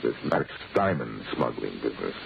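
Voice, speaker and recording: An actor playing a wry, assertive amateur sleuth in a 1940s radio drama. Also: male voice, rumbling low, big pitch swings, moderate pace, gravelly, heavily acted. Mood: pressing, confident. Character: brisk, wisecracking adult male amateur sleuth. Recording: muffled old radio recording, hiss.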